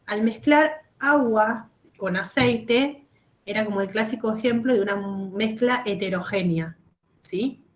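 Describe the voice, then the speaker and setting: A woman's voice: mid-range voice, a little slow. A woman teaching a chemistry lesson over a video call, explaining step by step and checking often that students follow. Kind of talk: online class lecture.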